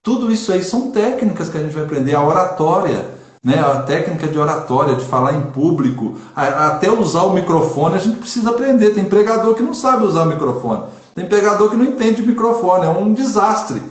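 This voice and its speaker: Man, Brazilian preacher, earnest, emphatic, somewhat high voice, echoey room. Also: lively intonation, brisk, few pauses. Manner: earnest, emphatic, repeats for stress. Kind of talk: casual online chat on preaching.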